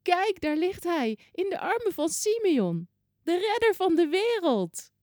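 Storybook casting: a woman putting on an overjoyed old woman, very high and trembling, dry mellow tone. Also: sing-song, measured pace, no echo, full character voice. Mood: joyful. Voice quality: shaky, trembling voice. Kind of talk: children's Bible story reading.

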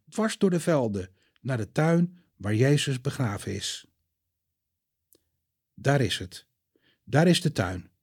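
A man reading a children's Bible story aloud with expressive, dramatic delivery. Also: mid-range voice, husky, no echo, studio quality. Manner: lively, expressive, dramatic pauses.

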